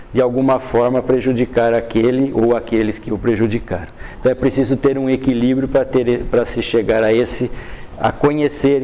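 An older man with a Brazilian Portuguese accent leads a study class. He reads from a book and explains it in a calm, unhurried way, often adding "né". His voice is mellow and dark, and his pitch is middling for a man. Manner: reads passages then explains them in a calm, unhurried way, with frequent "né". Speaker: study group teacher. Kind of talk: reading aloud and explaining a spiritist book. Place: dim classroom with a projector screen.

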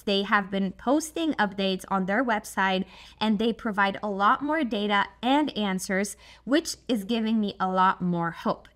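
A Polish woman in her thirties, whose first language is Polish, hosts a solar energy channel and gives an explainer talk to camera from a desk in a dim studio with a shelf of glowing props. Her slightly high voice is chatty and expressive, full of asides and "like."

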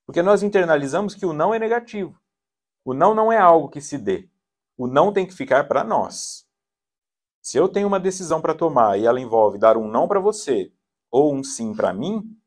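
A man giving a psychology talk at a spiritist center, animated and acting out quoted voices with a shifting tone. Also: mid-range voice.

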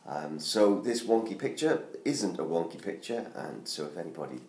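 A middle-aged British man, hoarse with laryngitis, plugs his book in a casual homemade promo video filmed in his living room beside a Christmas tree. His low, slightly mellow voice is very animated at a normal speed, full of ums and restarts. A tablet camera close by captures roomy home acoustics with faint noise.

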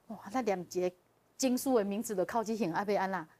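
A woman as a guest telling a personal story in casual chat, animated and often laughing as she relives the emotion. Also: mid-range voice, fast talker. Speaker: guest sharing a personal testimony.

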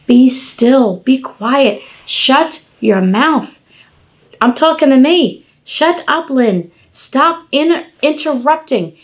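A woman in her fifties giving an informal devotional talk at home, animated and conversational, speaking to the camera from across a table. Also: high voice, slow. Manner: animated, gesturing, conversational preaching. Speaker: devotional podcast host. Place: home dining room, indoors.

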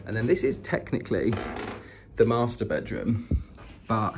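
Moving through the rooms of an old house, a British man offers a relaxed, enthusiastic narration for his house-tour vlog. His fairly low voice swings widely in pitch, at a measured pace with vocal fry. The indoor handheld recording is noisy.

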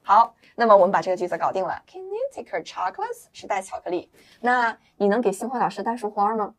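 Here is a woman with a Chinese accent, a native Mandarin speaker, running an upbeat English lesson. She explains phrases, repeats the example sentences, and keeps checking in with her learners using tag questions. Her voice sits at a middle pitch. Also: steady tone, fast talker. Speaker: English teacher. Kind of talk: lively online English lesson.

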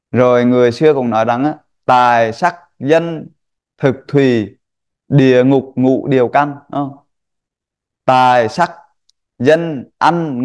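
A man giving a Buddhist Dharma talk to an online group, listing points slowly and asking rhetorical questions. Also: medium pitch, darkish tone.

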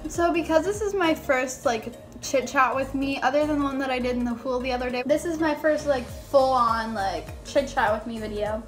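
A woman's voice: high voice, moderate pace, hardly any pauses. A young woman chatting casually to her viewers as a vlogger, sprinkling her talk with "like". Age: young adult. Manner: chatty, filler-heavy with frequent "like". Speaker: YouTuber. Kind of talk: casual chit-chat vlog to viewers. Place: small bedroom, indoors. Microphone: phone at arm's length. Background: background music.

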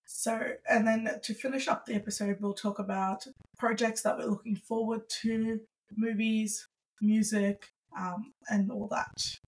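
A woman's voice: a little high, little pitch movement, unhurried, low-quality recording. A young woman raised overseas, co-hosting a casual podcast, explaining things with frequent ums and a dry sense of humor. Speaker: podcast co-host. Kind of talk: casual chat.

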